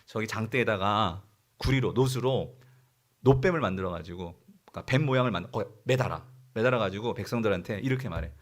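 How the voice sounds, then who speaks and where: A pastor putting on God as an elderly male deity giving Moses plain, unhurried orders. The voice drops lower and steadier than his preaching, firm but not harsh. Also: lightly acted. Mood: commanding.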